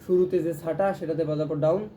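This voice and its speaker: A man teaches ukulele at a quick pace, his fairly high voice keeping a fairly even intonation. As he plays, he explains the strums, counting them and chanting rhythm syllables out loud; loud plucked strings underlie his voice, along with slight background noise.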